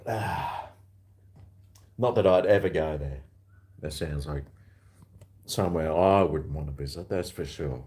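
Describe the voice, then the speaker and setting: A man's voice: rumbling low, measured pace, pauses often, a little mellow. An Australian man filming a casual vlog at home on a handheld camera, rambling and muttering to himself. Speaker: vlogger. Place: at home, large empty house.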